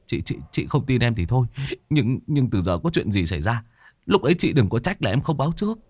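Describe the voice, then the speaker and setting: A man's voice: mid-range voice, very animated, a little fast, darkish tone, no echo, clean studio sound. Stammering frightened young man voiced by a man, whiny, storytelling. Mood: pleading.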